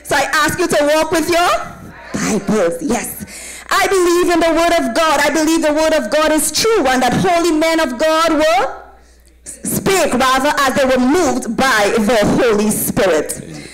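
A woman evangelist from Trinidad and Tobago, with a Trinidadian accent and a high-pitched voice, preaches and welcomes a congregation from a tented church platform with a draped backdrop. Holding a microphone, she speaks expressively and a little slowly, repeatedly calling on listeners to answer back and affirm her. The audio quality is poor.

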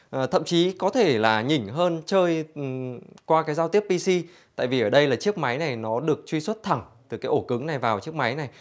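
Male store demonstrator, mid-pitched. Infomercial-style walkthrough, explanatory and conversational, speaking to customers. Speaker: product demonstrator for an audio store. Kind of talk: product demonstration, infomercial-like sales presentation.

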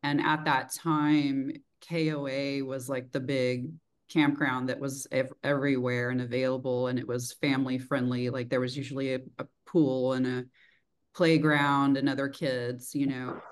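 On a video call from a small indoor room, a middle-aged interviewer from rural Texas talks at a normal speed in an extremely low voice with little pitch movement. Her mild Texan accent colors a casual, reflective chat full of "like." She's heard through a desk-distance call microphone.

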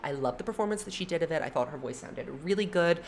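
A young adult woman with a low voice that swings widely in pitch, chatting in a lively, opinionated way and leaning on "like" fillers. A faint hiss of room noise sits under the recording. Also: fast. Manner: animated, chatty, frequent "like" fillers. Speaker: music commentary YouTuber. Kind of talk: casual opinionated album ranking.

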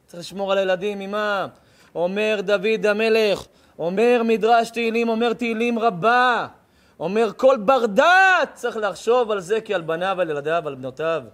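A man's voice: sits high, fairly bright tone. A man, a rabbi, giving a sermon with emphatic, punchy repetition.

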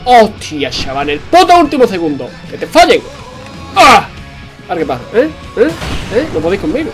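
A man commentating a video game, excitable, swearing and joking to his viewers. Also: high voice, fairly quick, faint music behind. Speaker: gaming commentator. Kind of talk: let's play commentary.

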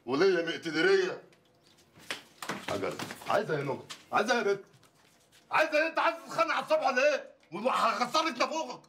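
A man's voice: on the high side, big pitch swings, fast, pauses often, fairly bright tone, slight background noise. An actor with an Egyptian accent playing a brash, poor male lawyer who teases and bickers in comic banter. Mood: bickering. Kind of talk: film comedy acting.

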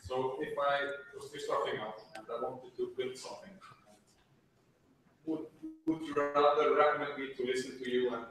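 A man's voice: medium pitch, steady tone, moderate pace, pauses often, a bit bright, soft background music. A man in the audience asking a hesitant question, heard without a mic from far back. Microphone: no mic, far from the recorder. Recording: faint, far-off in a reverberant hall.

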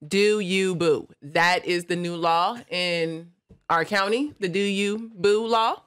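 A woman co-hosting a casual live-stream chat, playful and animated, cracking jokes. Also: on the low side, slow pace, clear, resonant tone. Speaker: co-host.

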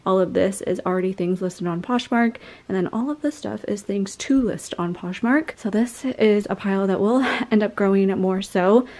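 A woman's voice: medium pitch, moderate pace, a little mellow. Chatty young woman vlogging at home. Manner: chatty, filler-heavy with frequent "like". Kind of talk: casual chat to camera.

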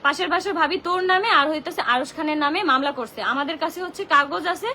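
Talking fast in a high, bright, pushed voice, a young social media livestreamer vents angrily on her phone. Her rant is indignant and packed with rhetorical questions, with a little hiss or hum in the recording.

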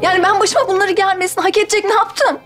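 Sitcom schemer: very high, self-pitying, faint music behind. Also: female voice, steady tone, quick pace, a bit bright. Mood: plaintive. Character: Tutku, scheming young woman playing the victim. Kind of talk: TV sitcom acting.

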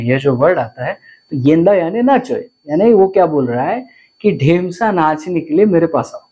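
A man's voice: on the high side, darkish tone. A man, teaching vocabulary to viewers and often repeating words and asking questions. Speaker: language teacher.

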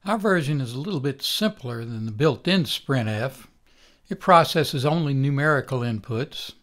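Older guy walking thru code step by step, calm lecture voice, mid pitch. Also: moderate pace. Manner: calm, methodical explaining. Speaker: instructor. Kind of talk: recorded programming lecture.

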